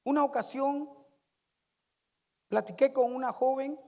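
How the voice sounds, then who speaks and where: A woman preaching a sermon, telling a story slowly and building to fervent praise. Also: sits high, fairly even intonation. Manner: slow storytelling, rising to fervent shouted praise. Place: church sanctuary. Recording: reverberant church hall.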